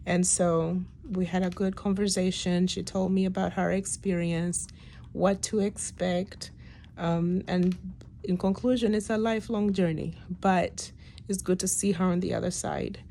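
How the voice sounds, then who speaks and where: A woman in her late thirties talks reflectively to her viewers, sounding weak and worn out after surgery. Her voice is on the low side, soft-toned and mellow, with a lot of vocal fry. She speaks casually and hesitantly, letting phrases trail off. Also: level tone, unhurried. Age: late 30s. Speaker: patient giving a personal health update. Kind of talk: casual video diary. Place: hospital room. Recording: noticeable background room noise.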